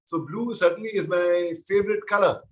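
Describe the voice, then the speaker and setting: A man's voice: high-pitched, brisk. A man, a guest answering children's questions on a webinar call, playful and teasing as he talks straight to the kids. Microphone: video call.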